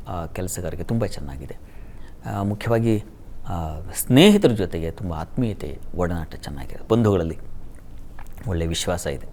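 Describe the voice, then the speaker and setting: A man with a Kannada accent reading the daily horoscope as an astrologer, chanting Sanskrit verses slowly and letting his sentences fall to a soft hush. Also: on the low side.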